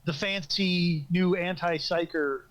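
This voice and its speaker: A man co-hosting a podcast, explaining a trivia night with wry jokes and quick asides. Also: sits high, fairly even intonation, a bit bright, muffled recording. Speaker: podcast co-host, trivia organizer. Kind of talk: casual podcast chat.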